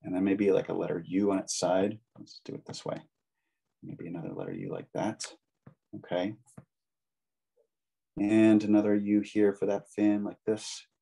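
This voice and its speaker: A low-pitched man with a slightly husky voice leads a casual draw-along lesson. He talks in a chatty, encouraging way, with easy fillers and friendly asides to the children following along. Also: normal speed, pauses often, mellow. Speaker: drawing instructor.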